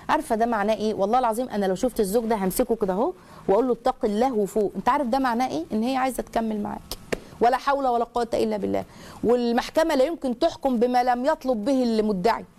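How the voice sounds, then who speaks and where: Woman, Egyptian accent, religious advice host, earnest, emphatic, rapid speech, fairly high voice. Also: mellow. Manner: earnest, emphatic, lecturing with many restarts. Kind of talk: religious advice talk, reading a listener's letter.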